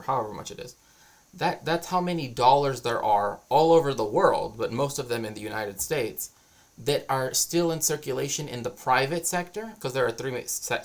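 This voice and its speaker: A man streaming as a cultural historian, explaining his views in a casual, rambling monologue. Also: medium pitch.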